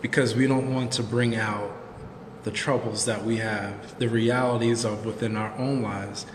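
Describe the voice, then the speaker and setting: A man co-hosting a live chat, speaking in an earnest and measured way about personal struggles. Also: on the low side, steady tone, big-room sound, noisy background. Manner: measured, heartfelt, speaks in long sentences. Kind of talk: earnest, reflective sharing.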